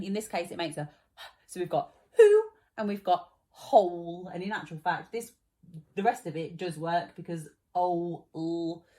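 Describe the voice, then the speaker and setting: A woman's voice: mid-range voice, a little mellow. Patient woman teaching children spelling. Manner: patient, encouraging, explains step by step.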